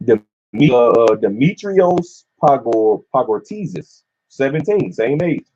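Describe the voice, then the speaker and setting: A man reads out case details and comments on them in casual slang. His voice is husky and sits at a middle pitch. The recording is dull and muffled. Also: big pitch swings, slow pace, mellow. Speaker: discussion participant. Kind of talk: casual religious discussion.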